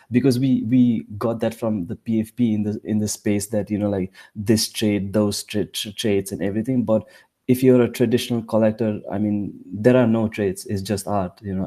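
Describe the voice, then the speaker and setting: A man, from Nepal, explaining his points haltingly in a casual live audio chat. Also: fairly low pitch, dark tone.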